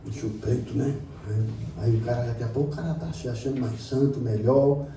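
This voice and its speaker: Pastor guy preaching hard, dark mellow voice, echoey church heard from far off. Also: mid-range voice, steady tone, a little fast, slight background noise. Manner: impassioned preaching, swings from quiet storytelling to loud exclamations. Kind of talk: sermon. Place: church meeting room. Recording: roomy hall recorded from a distance.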